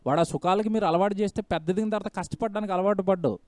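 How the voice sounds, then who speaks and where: A man's voice: high-pitched, racing, a little mellow, no room sound, clean studio sound. A man preaching a sermon, driving points home with repeated phrases and rhetorical questions. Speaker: pastor.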